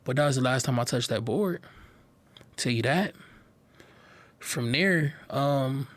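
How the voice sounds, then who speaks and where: A young man giving a personal testimony to a live audience, earnest and halting, often repeating words as he speaks. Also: medium pitch, a bit bright, dry recording.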